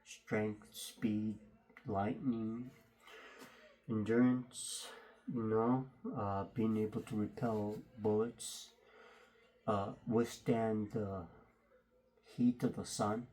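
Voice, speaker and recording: A man hosting a casual, unscripted unboxing video, speaking haltingly with his voice slightly muffled through a face mask. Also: on the low side, flat delivery, mellow. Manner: halting, hesitant delivery. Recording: faint background noise, clicks.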